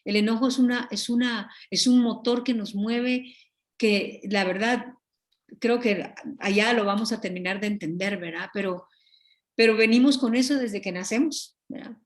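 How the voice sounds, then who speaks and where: A woman teaching a Bible study over a video call, earnest and animated, often correcting herself mid-sentence. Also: on the high side, moderate pace. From Guatemala.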